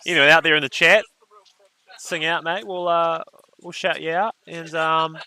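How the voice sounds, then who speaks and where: A man's voice: a little high, flat delivery, unhurried, pushed and bright, low-quality recording. A man commentating a surf contest on a live stream, with laid-back, joking banter.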